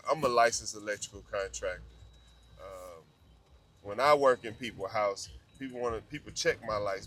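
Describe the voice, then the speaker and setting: A man's voice: on the low side, fairly bright tone. A man in his fifties, a licensed electrical contractor, talking casually and earnestly to his viewers, repeating his points and calling them "man". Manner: earnest, repetitive, calls listeners "man". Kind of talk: casual vlog talk to camera.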